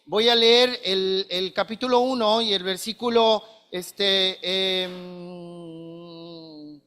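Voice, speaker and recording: Pastor, male, bright forceful tone, earnest preaching style. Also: high voice, steady tone, drawn-out words, clear, resonant tone. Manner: earnest, questioning, addresses listeners as brothers. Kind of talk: sermon.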